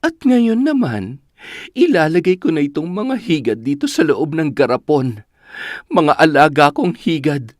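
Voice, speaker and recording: Actor as a cruel gloating sorceress, low slow threats, cackles, dry close mic. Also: no room sound.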